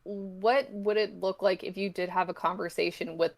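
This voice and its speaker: This woman, a comic creator guesting on a podcast, has a gravelly mid-range voice with fairly even intonation and a moderate pace. The interview is casual chat, and she explains her ideas tentatively, rambling and reflecting as she goes.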